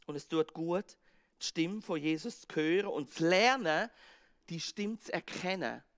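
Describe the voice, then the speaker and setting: A male pastor with a Swiss German accent preaching a sermon, acting out the scene with sudden swings from loud outbursts to hushed words. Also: on the high side, measured pace. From Switzerland. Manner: dramatic, acts out the disciples' panic and Jesus' words, swings from loud to hushed.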